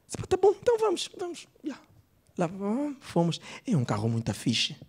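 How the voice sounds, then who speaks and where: A man's voice: high voice, moderate pace, creaky, slightly rough, heavily acted. A man playing a brash, gossipy Angolan woman. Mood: chatty. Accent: Angolan Portuguese. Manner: chatty, animated storytelling. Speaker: stand-up comedian. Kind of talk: stand-up character bit. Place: comedy club stage.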